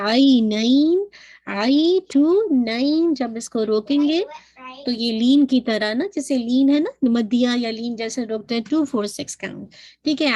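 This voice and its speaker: A woman teaching Quran recitation, drawing out words slowly as she demonstrates them and mixing English terms into her explanations. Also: a little high, darkish tone.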